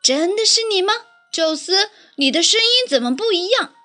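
A woman's voice: very high-pitched, lively intonation, moderate pace, bright, forceful tone, soft background music, voice pushed up, exaggerated voice. A woman voicing a big, strong, good-natured male rooster in a storybook, speaking earnestly. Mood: puzzled.

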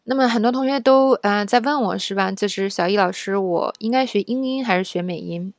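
A woman's voice: mid-range voice, a little fast, dry recording. Dry-voiced woman teaching pronunciation. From China. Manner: explains patiently, often asks "是吧？" and "OK". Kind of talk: casual spoken lesson.

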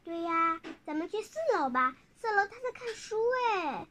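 A child narrates a picture book. The delivery is informal and halting, with repeated words and questions to the listener. The tone is bright, over a faintly noisy home recording. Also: very high voice, very animated. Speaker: storyteller reading a picture book aloud.

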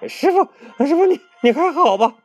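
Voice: very high voice, animated, normal speed, soft background music. A performer voicing a jittery, easily frightened young male disciple in a comedy skit, with a stammering, whiny way of talking. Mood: fretful.

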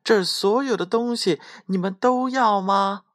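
A man's voice: mid-range voice, huge pitch swings, unhurried, a bit bright, dry recording, voice pushed up, exaggerated voice. A tiny, clever storybook boy speaks in a raised, playful voice full of teasing bounce, as a man puts him on. The voice swings widely in tune while the recording stays close and dry. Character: tiny thumb-sized boy, clever and cheeky.

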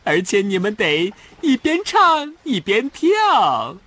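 A woman's voice: mid-range voice, huge pitch swings, takes it slowly, a bit bright, breathy edge, no echo, exaggerated voice. A woman voicing a bossy, theatrical male squid in a children's cartoon, with a sing-song delivery. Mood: bossy, testing. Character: showy, bossy male singing squid guarding a sandcastle. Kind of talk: children's cartoon dub acting.

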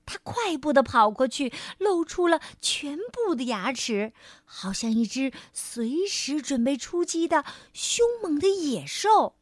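A woman storyteller reading a storybook aloud for children, in a gentle and expressive way. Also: high voice, measured pace, no room sound, studio quality.

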